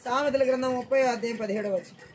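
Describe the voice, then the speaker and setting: A preacher delivering a church sermon, repeating phrases and urging the congregation to say amen loudly. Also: mid-range voice, fairly even intonation, racing, slight background noise. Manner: repeats lines and calls for loud amens.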